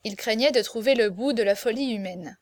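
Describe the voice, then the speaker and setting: A woman narrates a classic novel as an audiobook. She reads in a steady, expressive way, with a fairly high voice. The sound is dry and close. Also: fairly quick, dry recording.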